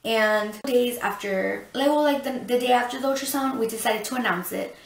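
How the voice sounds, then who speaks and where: A young woman rambles through a personal story in a chatty vlog, full of fillers and restarts. Her voice has a gravelly edge. She sits a little back from the mic in a roomy, echoey space. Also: a little high, normal speed, recorded from a distance. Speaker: vlogger. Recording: roomy echo, voice a bit off-mic.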